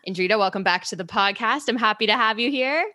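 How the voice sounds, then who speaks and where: A woman's voice: mid-range voice, fast, pushed and bright, no room sound, clean studio sound. A woman hosting a casual music podcast over cocktails, bubbly and enthusiastic. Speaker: podcast host. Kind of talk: casual chat over drinks.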